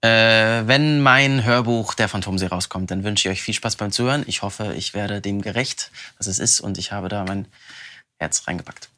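A man, a voice actor, chatting animatedly in an interview, talking in quick bursts and often laughing. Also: fairly low pitch, pushed and bright. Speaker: voice actor interviewed about his audiobook. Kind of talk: casual interview answers.

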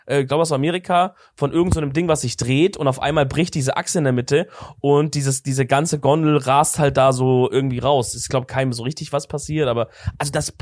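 A man's voice: mid-range voice, steady tone, fairly quick, darkish tone, dry recording, studio quality. A young man co-hosting a podcast in casual chat, slangy and swearing as he tells stories with animation. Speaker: podcast co-host.

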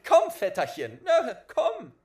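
A man voicing a fearless, cheeky young lad who talks boldly and loudly in a storybook reading. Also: very high-pitched, huge pitch swings, takes it slowly, voice pushed up, exaggerated voice. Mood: coaxing. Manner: bold, cheeky and loud.

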